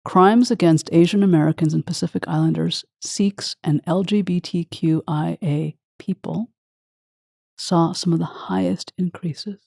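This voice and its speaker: A woman with a low, gravelly voice hosts a heartfelt interview, speaking effusively and openly showing her emotion. Her tone is mellow and dark, and the sound is close and dry. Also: steady tone, a little slow, no room sound. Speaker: podcast host.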